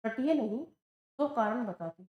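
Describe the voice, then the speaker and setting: High-voiced woman teaching slowly. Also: animated, reverberant, lo-fi sound. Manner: patient, asks questions and answers them herself. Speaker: Sanskrit teacher. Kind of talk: exam-prep lesson at a board.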